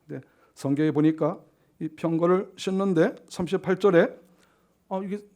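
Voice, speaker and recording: A male pastor preaching a sermon, telling the story vividly by acting out the characters' shouts and laughing along, then dropping into hushed, low narration. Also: moderate pace.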